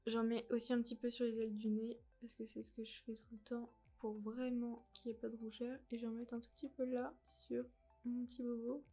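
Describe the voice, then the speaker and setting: A woman's voice: on the high side, warm tone. Chatty woman reviewing makeup. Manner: chatty and candid, with many fillers. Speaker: beauty vlogger.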